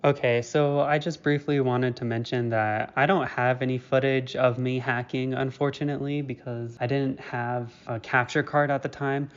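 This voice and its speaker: A man's voice: medium pitch, little pitch movement, moderate pace, few pauses, smooth. A man making a casual, matter-of-fact aside to viewers. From United States. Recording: dull lo-fi recording.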